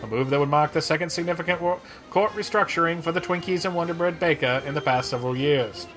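A man putting on the voice of a 1940s newsreel announcer, declaiming a news item in a grand, brisk manner. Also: fairly high pitch, fairly bright tone, soft background music, natural voice. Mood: announcing. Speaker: podcast co-host. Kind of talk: mock old newsreel reading.

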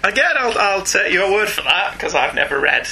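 A man's voice: high-pitched, normal speed, vocal fry, breathy edge. A middle-aged man hosting a podcast, reading listener emails in casual chat and laughing often. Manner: animated, laughs often, reads emails aloud.

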